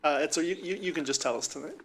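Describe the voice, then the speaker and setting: A man's voice: fairly high pitch, racing, fairly bright tone, slight background noise. A man presiding over a city council meeting as council president, courteous and procedural.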